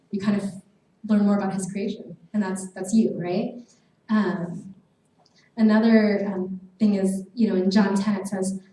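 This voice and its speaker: A woman's voice: mid-range voice, warm tone. Earnest young woman speaking in an echoey hall. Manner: earnest, chatty, many fillers. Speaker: guest speaker. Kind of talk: casual sermon talk to students. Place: large meeting hall. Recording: echoey hall from far off, faint noise.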